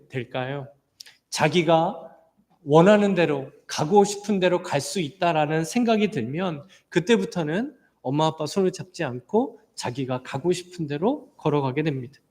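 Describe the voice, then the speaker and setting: A man's voice: high-pitched, big-room sound. A male pastor giving a sermon in a church, earnest and emphatic, with light storytelling humor. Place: church sanctuary.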